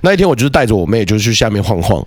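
A man telling a childhood story as a podcast guest, animated, with quick repeated words and restarts. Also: on the low side. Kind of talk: casual storytelling chat.

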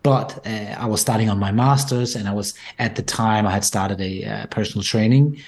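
Danish-accented man, low voice. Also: moderate pace, darkish tone. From Denmark. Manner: frequent restarts and repeated words, thoughtful. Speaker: guest entrepreneur. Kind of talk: podcast interview.

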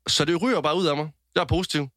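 A man's voice: a little high, a bit bright, no echo, clean studio sound. A young man co-hosting a casual podcast, recounting a story with many hesitant fillers. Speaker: podcast co-host.

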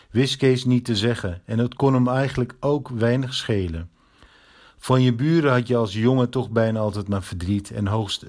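A man reading a children's story aloud in a steady, measured way. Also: medium pitch. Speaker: narrator.

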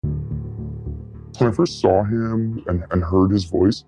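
Speaking slowly with fairly even intonation, this man has a husky, dark voice that's been altered and pitched down to conceal his identity. A listener passing along a tip, he recollects what he saw in an interview over soft background music.

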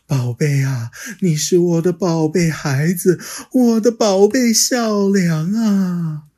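A woman's voice: on the low side, takes it slowly, warm tone, pitched above the performer's own voice. A woman voicing a loving, worried dinosaur mother with a tender, emotional delivery in a storybook reading.

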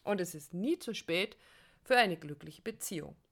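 A woman co-hosting a coaching podcast, speaking directly to the listener in a warm, encouraging way. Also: fairly low pitch, expressive, normal speed, gravelly. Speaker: co-host, relationship coach. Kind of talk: conversational podcast talk.

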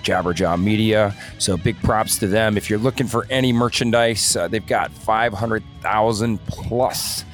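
A man co-hosting a podcast chats casually in a laid-back, slangy way. His voice is on the low side, a little slow with few pauses, and soft music plays in the background.

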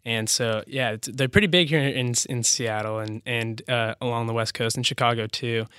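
Bright-toned easygoing young man. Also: mid-range voice, steady tone, moderate pace, clean tone, no echo, clean studio sound. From Bellevue, Washington, US. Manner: easygoing, rambling with many likes and restarts. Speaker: guest, company co-founder. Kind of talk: casual interview.

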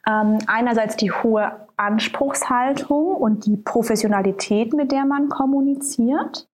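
A woman is a guest on a conversational podcast, interviewed as an author. Her voice is a little high and unhurried, and she thinks aloud thoughtfully with frequent hesitations and fillers.

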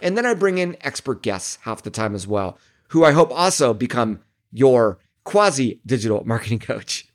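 A middle-aged marketing coach hosts a solo podcast from his home office, addressing listeners directly in a friendly coaching tone. His mid-range voice swings widely in pitch at a moderate pace, and it sounds a little worn, as if he's slightly losing it.

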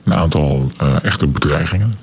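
An anonymous man in his forties speaks in a radio interview, his voice masked by a pitch-shift effect that drops it extremely low. The processed sound is gravelly and rough. He pauses often and fills the gaps with hesitant sounds, weighing each word. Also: darkish tone, a little hiss or hum. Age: 40s. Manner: hesitant, many filler sounds, slow and deliberate. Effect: voice disguised with a deep pitch-shift distortion.

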